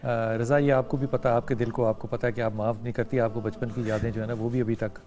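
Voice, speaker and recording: A man's voice: medium pitch, flat delivery, a little mellow. A man hosting a podcast, politely asking short questions and taking a caller. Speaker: podcast host. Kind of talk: interviewing and taking calls.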